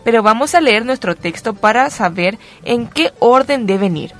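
A woman teacher explaining a grammar lesson slowly and emphatically. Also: fairly high pitch, lively intonation, faint music behind. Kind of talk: recorded classroom lesson.

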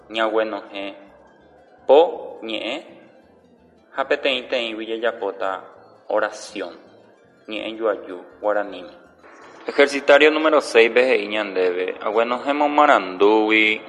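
Slow, bright-voiced male teacher. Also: lowish voice, big-room sound. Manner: slow, deliberate, drawing out example words. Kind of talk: language lesson.

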